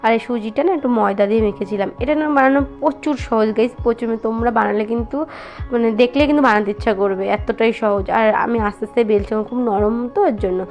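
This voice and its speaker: Talking fast in a rather high voice over soft background music, a young woman vlogs from her home kitchen and bedroom. She's chatty and full of fillers, addresses her audience as "guys," and keeps her voice soft so she doesn't wake her baby.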